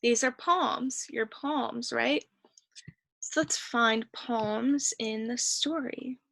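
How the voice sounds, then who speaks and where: Drawing out her words with vocal fry, a woman teacher speaks in a fairly high, fairly bright voice in a dry recording. She patiently walks through a reading worksheet in a comprehension lesson, encouraging students and thinking aloud as she searches the text.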